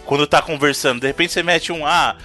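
A man's voice: on the high side, quick pace, sharp tone, faint music behind. A Brazilian man co-hosting a casual gaming podcast, arguing his point emphatically and repeating himself for emphasis. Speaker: podcast co-host. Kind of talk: casual chat about video games.

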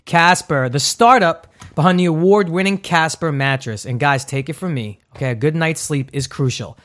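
A man's voice: fairly high pitch, moderate pace, fairly bright tone. A man in his thirties hosting a podcast, chatting casually and joking through upbeat ad reads. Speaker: podcast host.

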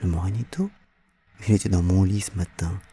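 Proud mocking young woman, defiant, read by a man with a low gravelly husky voice, dry sound. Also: a little fast, warm tone, heavily acted. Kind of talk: audiobook reading.

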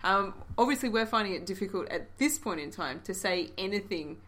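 A woman's voice: mid-range voice, expressive, fairly quick, fairly bright tone. A woman co-hosting a casual history podcast, talking in a playful, dryly humorous way. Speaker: podcast co-host.

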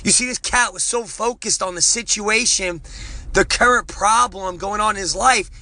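A man's voice: high-pitched, normal speed, bright, forceful tone. A man hosting a motivational show, talking with energy and casual slang as he urges listeners on. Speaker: motivational coach and show host. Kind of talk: upbeat motivational talk. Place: in a vehicle.

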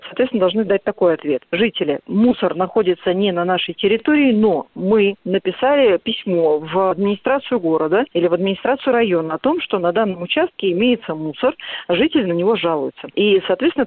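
Woman press secretary on a tinny, dry phone line; brisk, bureaucratic delivery. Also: lowish voice, dry recording. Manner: formal, bureaucratic phrasing. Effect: heard over a phone line. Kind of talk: official explanation.

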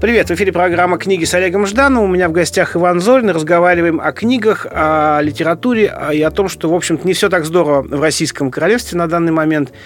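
A male radio host who also teaches, asking long, searching questions and slowing down to find his words. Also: sits high, soft background music. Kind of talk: radio interview hosting. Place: radio studio.

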